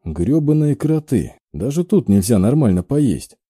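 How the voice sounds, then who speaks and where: A man's voice: medium pitch, very animated, measured pace, mellow, breathy edge, dry recording, clean studio sound. A man playing a blunt, grumbling young warrior in an audiobook. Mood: sardonic.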